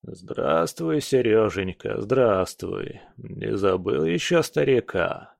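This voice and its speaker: A man voicing an old, scheming male crime boss with a creaky, syrupy, falsely affectionate voice on the phone. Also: lowish voice, lively intonation, slow pace, darkish tone, dry recording, clean studio sound, heavily acted. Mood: fawning.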